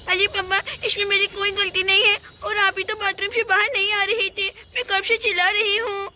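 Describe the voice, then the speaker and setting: A woman's voice: extremely high pitch, flat delivery, moderate pace, noisy background. A woman voicing a whiny little girl in a doll play, sobbing and pleading. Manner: whining, sobbing.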